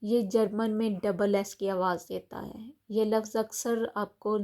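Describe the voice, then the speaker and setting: In a mellow, mid-range voice with a level tone, a woman explains how German letters are pronounced. She is patient, repeats herself often, and her speech carries small fillers and restarts.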